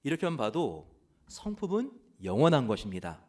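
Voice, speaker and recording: A man preaching a sermon as pastor, earnest, pausing often with "uh" and asking rhetorical questions. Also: mid-range voice, wildly swooping pitch, a little mellow. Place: church.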